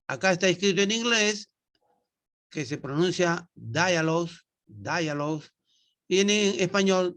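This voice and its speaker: A man's voice: high voice, a bit bright. A man teaching English to nursing students in an online class, patient and repetitive, often checking that everyone follows. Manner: patient, repeats himself, checks understanding with tag questions.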